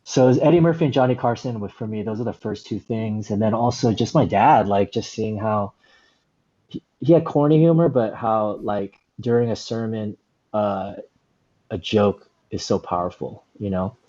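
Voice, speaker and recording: A man in his forties, a stand-up comedian, telling stories in a relaxed, rambling way with lots of "you know" and "like". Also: fairly low pitch, moderate pace, lo-fi sound. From Southern California, USA. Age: 40s. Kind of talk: casual interview storytelling.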